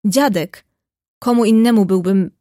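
A proud, hot-tempered young gentleman from an audiobook, stubborn and indignant, as a woman narrator voices him. The voice sits at a middle pitch. It is recorded close and dry, with no room sound. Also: measured pace, no room sound, lightly acted.

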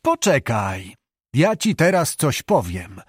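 A man reading an audiobook, voicing a hot-tempered, domineering old abbot who blusters and shouts. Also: mid-range voice, huge pitch swings, takes it slowly, slightly rough, dry recording, clean studio sound, exaggerated voice. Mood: angry.

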